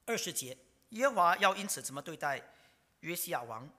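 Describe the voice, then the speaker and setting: Lively bright preacher. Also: mid-range voice, fairly quick. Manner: dramatic, asks rhetorical questions, drops to a whisper. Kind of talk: sermon. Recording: long reverb of a large hall.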